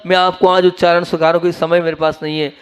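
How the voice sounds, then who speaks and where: A man with a fairly high voice delivers a sermon as a monk. He teaches earnestly and tells the listeners to pay attention. He moves between soft, low phrases and raised, emphatic ones. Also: level tone, fast, clean tone. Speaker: Jain monk preacher.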